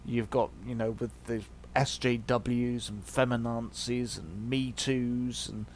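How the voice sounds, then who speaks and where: A man's voice: mid-range voice, steady tone, slow pace, slight background noise. A man hosting a video, giving a casual opinion monologue in a hesitant, reflective way. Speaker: video host.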